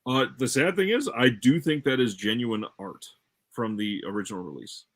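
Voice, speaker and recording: Brief: man guest, mid-pitched and informative, with an animated casual delivery. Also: moderate pace. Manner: informed, explanatory. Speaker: guest, streamer. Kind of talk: casual chat about film releases.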